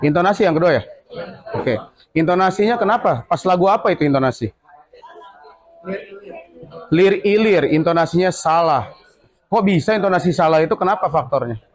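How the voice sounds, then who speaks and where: A male school teacher in a classroom, quizzing his students with quick questions and then explaining the answers. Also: fairly high pitch, expressive.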